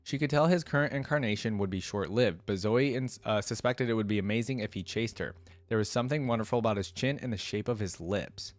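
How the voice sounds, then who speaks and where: A man hosts a reaction video, reading a story aloud and thinking out loud in rambling, casual commentary. His voice is fairly low and brisk, with no echo.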